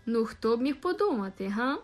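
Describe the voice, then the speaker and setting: A woman's voice: on the high side, sing-song, fairly quick. A cheerful young groom from a storybook, teasing and devoted, as a woman reader puts him on. He speaks with easy good humor over faint music.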